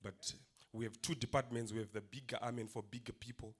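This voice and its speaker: A man giving an earnest, halting report on his children's ministry at a convention. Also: medium pitch, steady tone, breathy edge. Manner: plain, earnest, halting with fillers. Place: convention hall.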